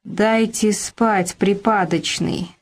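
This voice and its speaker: A woman's voice: mid-range voice, steady tone, normal speed, a little mellow, lightly acted. A groggy middle-aged man mumbles and grumbles, as a woman narrator puts him on. He sounds fed up and sleepy, an audiobook figure roused from his bed. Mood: grumbling.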